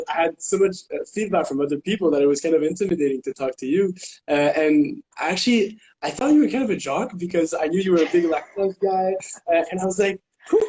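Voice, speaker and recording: Young male co-host, slightly high and mellow, halting conversational delivery. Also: low-quality recording. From Quebec, Canada. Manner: hesitant, many restarts and fillers. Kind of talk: casual chat.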